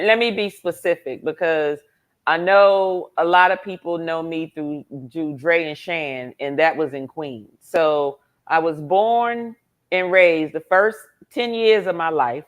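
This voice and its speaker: A woman from Brooklyn, New York speaks with a lowish voice as an interview guest. She explains things plainly and matter-of-factly, without fuss. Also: unhurried. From Brooklyn, New York, United States. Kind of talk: casual interview chat.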